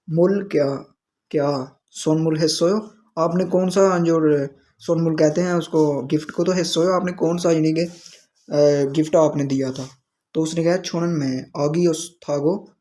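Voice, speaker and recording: A man's voice: on the high side, mellow. A man teaching a language lesson, explaining the dialogue word by word. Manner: explains word by word, with frequent restarts.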